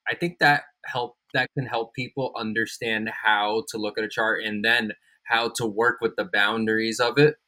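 A man's voice: on the low side, steady tone, normal speed, few pauses, pushed and bright, no room sound, poor audio. A man hosting a casual podcast interview, asking questions hesitantly and agreeing often. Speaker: podcast host.

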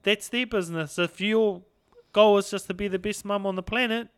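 Male podcast host, broad New Zealand accent, smooth voice, colloquial and laid-back, very dry sound. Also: high-pitched, normal speed, no echo. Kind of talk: casual podcast chat.

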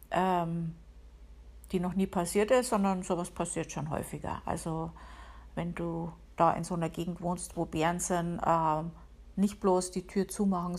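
A woman from the Upper Palatinate, hosting her own podcast from home in a chatty, self-ironic way. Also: lowish voice. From Upper Palatinate, Bavaria, Germany. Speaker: podcast host. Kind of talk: casual solo podcast monologue. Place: home, working from home.

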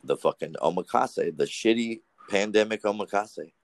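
A young man chatting casually on a podcast, rambling and crude, telling stories with animated voices. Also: fairly low pitch, normal speed. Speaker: podcast guest. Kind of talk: casual profane chat.

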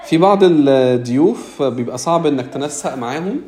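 A man's voice: a little high, expressive, fairly quick, a little mellow. A man with an Egyptian Arabic accent, hosting a casual discussion and mixing English business terms into his speech. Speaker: host of a live audio discussion.

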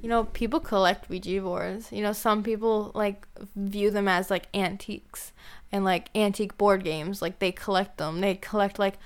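Chatty young woman with a smooth voice. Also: medium pitch, fairly even intonation, moderate pace. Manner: chatty, many "like" and "you know" fillers. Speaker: podcast co-host. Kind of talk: casual chat.

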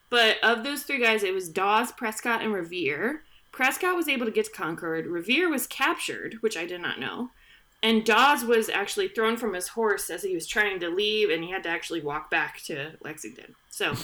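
Into a studio podcast microphone, a woman with a medium-pitched, sharp voice hosts a laid-back history chat. She tells the stories with jokes, frequent fillers and little asides.

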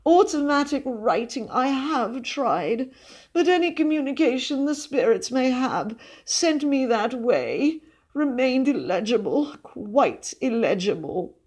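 A woman's voice: high-pitched, expressive, takes it slowly, a little mellow, husky, voice pushed up, full character voice. A woman voicing an elderly, thin, eccentric woman who speaks in an affected, sighing and dreamy manner. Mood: wistful.

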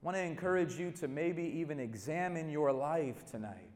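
A man's voice: fairly high pitch, normal speed. Man preaching a sermon in a reverberant hall. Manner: storytelling preacher, swings from quiet to loud emphasis. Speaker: pastor.

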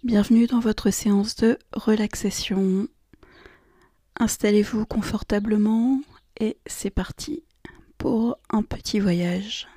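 A woman guiding a relaxation and meditation session in a soft, slow, half-whispered voice. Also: medium pitch, fairly even intonation, slightly rough, no room sound, clean studio sound. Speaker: relaxation guide. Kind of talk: guided meditation.

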